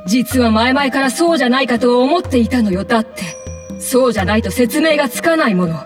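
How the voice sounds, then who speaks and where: 女性声優が演じる、思い込みが激しく強引な十代の女子部長。厳かな語りと大げさな叫びを行き来するアニメの芝居。. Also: female voice, a little high, expressive, brisk, distant mic, over music, natural voice. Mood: solemn, probing. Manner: solemn intoning that breaks into loud, indignant outbursts. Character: bossy, excitable teenage girl club president, obsessed with telepathy. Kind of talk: anime voice acting.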